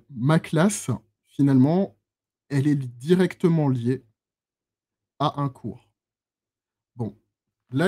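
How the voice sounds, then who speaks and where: A man's voice: medium pitch, dark tone, husky. A man giving a chatty live-streamed lesson on databases, full of fillers, restarts and self-teasing asides. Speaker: instructor. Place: lives in Switzerland.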